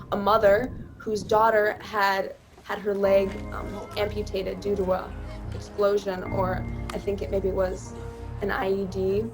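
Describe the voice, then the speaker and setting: A nineteen-year-old woman earnestly telling about her aid work in a reflective interview. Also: mid-range voice. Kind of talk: personal testimony. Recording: music bed clearly under voice.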